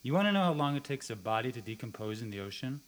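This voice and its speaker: An actor plays a young camper with a morbid streak. He tells grim details in a hushed, deadpan voice. This is film drama dialogue. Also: mid-range voice, normal speed, over music, natural voice. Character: young man camper, morbid quiet storyteller.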